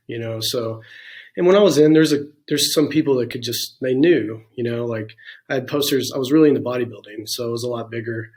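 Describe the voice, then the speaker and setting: A man in his forties speaks as an interview guest, recounting his life in a frank, reflective way. His voice sits in an ordinary middle pitch. He fills his pauses with "um" and "you know" as he thinks aloud. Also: darkish tone. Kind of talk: candid personal storytelling in a conversation.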